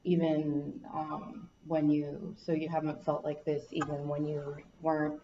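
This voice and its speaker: Low, slow-speaking woman counselor. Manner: calm, slow, reflective questioning. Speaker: counselor trainee. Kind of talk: counseling interview. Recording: echoey room, distant dull mic, faint hiss.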